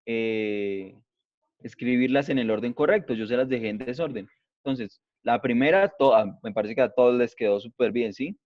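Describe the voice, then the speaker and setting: A man with a mid-range, slightly mellow voice teaches an English class, explaining step by step and patiently checking that students follow. The recording is dry, dull and lo-fi.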